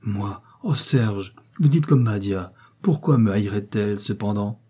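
A man voicing a timid, gentle young princess who speaks softly and pleadingly in an audiobook. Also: fairly low pitch, a little slow, breathy edge.

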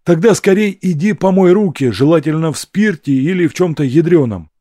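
A cheeky, scrappy young hustler talks fast and eagerly, as a man voices him in an audiobook. His voice sits well above the reader's own. The sound is dry and close. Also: fairly high pitch, no room sound, pitched above the performer's own voice, close to an everyday voice. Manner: quick, cheeky, excited.

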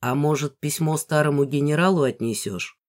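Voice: mid-range voice, normal speed, close to an everyday voice. A reader voicing an easygoing old father who teases and chuckles. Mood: teasing. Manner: chuckling, teasing.

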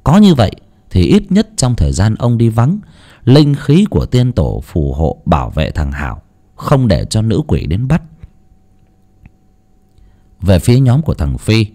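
A man narrating a ghost story with an expressive, dramatic reading. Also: on the low side, unhurried, pauses often. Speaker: audiobook narrator.

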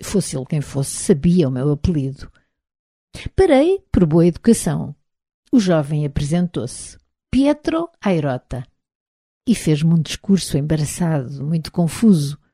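A woman with a European Portuguese accent reading a novel aloud as an audiobook narrator, in a measured, even literary delivery. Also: deep voice, slightly rough, no echo, clean studio sound.

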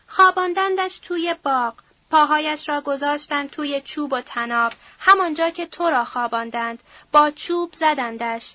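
A woman's voice: high-pitched, dull audio, natural voice. A woman voicing a grieving, frightened widowed mother who speaks in a sorrowful, pleading way.

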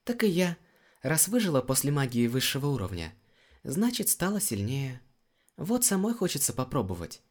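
A male audiobook reader voicing a cheerful, lively young woman healer. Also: mid-range voice, moderate pace, voice pushed up. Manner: bright, lively, reassuring.

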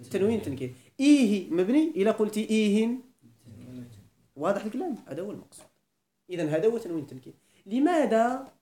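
This grammar lesson is led by a man whose voice is high and dark, carrying a Moroccan Arabic accent. He peppers the class with questions and goes back over the main points, all captured in a room full of echo.

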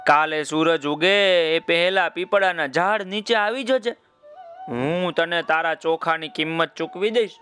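A man voicing a kind, magical golden crow in a children's story, speaking gently and coaxingly. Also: fairly high pitch, a little slow, soft background music. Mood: gentle coaxing.

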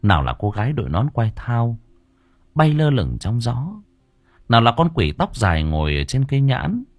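A man narrates a ghost story with lively, dramatic intonation. His voice is husky and the recording is dry. Faint music plays underneath. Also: medium pitch, moderate pace, dry recording. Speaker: audiobook narrator.

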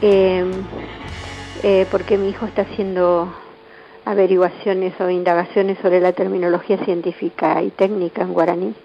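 A woman's voice: on the low side, level tone, normal speed, vocal fry, lo-fi sound, soft background music. A middle-aged woman calling in to a radio show, speaking politely and hesitantly with many fillers. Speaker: radio caller.

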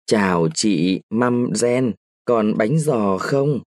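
A man's voice: lowish voice, very slow, darkish tone, dry recording, clean studio sound. A man playing a lecherous young soldier in a read-aloud story, speaking in a brash, bossy way. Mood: smooth-talking.

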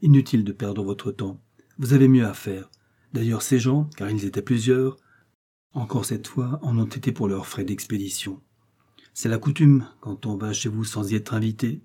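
A man's voice: on the low side, normal speed, mellow, breathy edge. A man reading aloud as a mysterious, self-assured young woman with a playful, mocking manner. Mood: wry.

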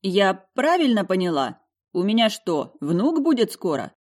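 A woman playing an excitable, flustered grandmother who fires off questions. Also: mid-range voice, voice pushed up. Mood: astonished. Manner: breathless rapid questions.

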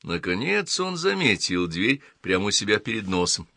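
A man narrating an audiobook in an even, measured reading. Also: fairly low pitch, vocal fry, no room sound, studio quality.

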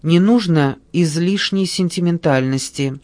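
A man's voice: a little high, measured pace, darkish tone, natural voice. A man voicing a blunt, sarcastic young woman. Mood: dry curt. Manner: curt, dry sarcasm. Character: blunt cool-headed pregnant young woman.

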